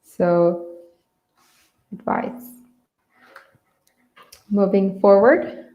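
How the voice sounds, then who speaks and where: This English teacher, raised in Dhaka, Bangladesh, runs a webinar-style English class and explains in a casual, slightly hesitant way. She speaks in a mid-range voice and draws out her words. The recording echoes as if in a large room, and its high frequencies are cut off.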